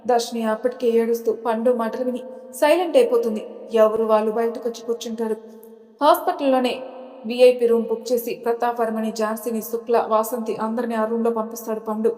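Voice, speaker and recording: A woman storyteller narrating a serial drama in a steady, dramatic way. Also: fairly high pitch. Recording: long reverb.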